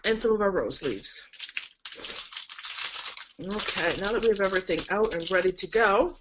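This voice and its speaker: Against a noisy background, a woman with an expressive mid-range voice speaks at a moderate pace. She's a florist instructor working at an indoor table in a webinar, congested and nasal from a cold, chatty and encouraging and saying um often; a camera mic picks her up.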